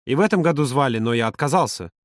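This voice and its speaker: A man voicing a lively, teasing young man in an audiobook, pitched higher than his narration. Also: fast talker, dry recording, clean studio sound, close to an everyday voice. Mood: easygoing. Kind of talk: audiobook character voice.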